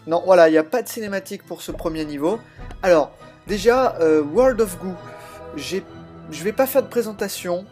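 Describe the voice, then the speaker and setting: A man's voice: high voice, expressive, normal speed, a little mellow, soft background music. A man with a slightly altered voice, chatting and explaining as he plays a video game, recorded on a laptop's built-in microphone. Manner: chatty, explains while playing, frequent hesitations. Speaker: let's play host. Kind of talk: casual gameplay commentary.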